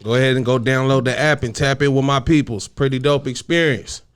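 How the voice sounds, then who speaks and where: A man hosting a casual podcast, blunt and profane, running quickly through a list of sponsors. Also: medium pitch, steady tone, clean tone. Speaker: podcast host. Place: podcast studio.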